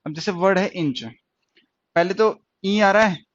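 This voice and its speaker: A man teaching stenography in an online lesson, explaining step by step and repeating words and sounds slowly. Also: high voice, dry recording. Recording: dry, dull lo-fi sound.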